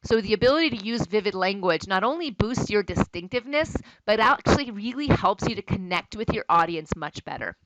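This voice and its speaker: A woman's voice: medium pitch, expressive, a little fast, few pauses, a bit bright, dry recording, low-quality recording. A woman college instructor giving a recorded lecture in a conversational, explanatory way.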